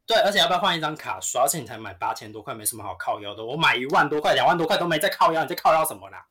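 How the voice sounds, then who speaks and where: A man's voice: on the high side, animated, racing, pushed and bright, slightly rough. A man, a podcast co-host and store floor manager, telling a story in a profane, ranting way. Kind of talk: casual storytelling chat.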